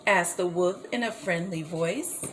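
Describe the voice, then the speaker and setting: Slow, expressive woman reading a children's story. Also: fairly low pitch, a little hiss or hum, poor audio. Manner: slow, expressive, gently animated.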